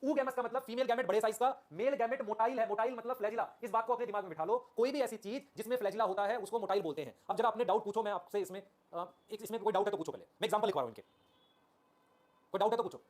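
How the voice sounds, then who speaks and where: Male biology tutor, live online class, very fast talker, constantly checks understanding, repeats terms, fairly high voice for a man. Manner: addresses students affectionately as children; repeats key terms over and over. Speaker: biology teacher.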